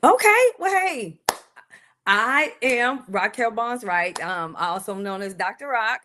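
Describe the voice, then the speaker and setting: A woman's voice: a little high, lively intonation, takes it slowly, background noise. A woman from San Antonio, a real estate broker telling her story in an earnest interview with frequent repeats. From San Antonio, Texas. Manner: earnest, talks in repeated restarts.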